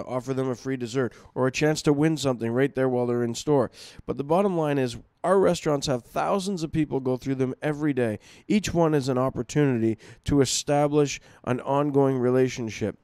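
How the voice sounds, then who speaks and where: A man presents a marketing webinar in a relaxed, unscripted way. His voice is smooth and resonant at an ordinary middle pitch. The sound is close and dry, with no room to it. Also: a little fast, no echo. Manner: conversational, many fillers and restarts.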